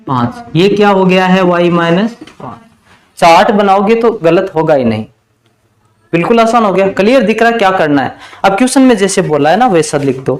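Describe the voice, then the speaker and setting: A man with a Hindi accent teaching a math lesson at the board, asking the class questions and then answering them himself, and slowing down to dictate equations. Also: high voice. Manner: slows down while dictating equations.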